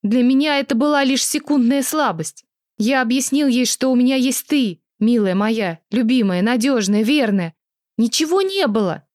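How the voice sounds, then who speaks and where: Woman voicing a smooth-talking cheating boyfriend. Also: on the high side, animated, moderate pace, darkish tone, no room sound, studio quality, pitched above the performer's own voice, natural voice. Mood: wheedling. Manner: stern, then wheedling and defensive.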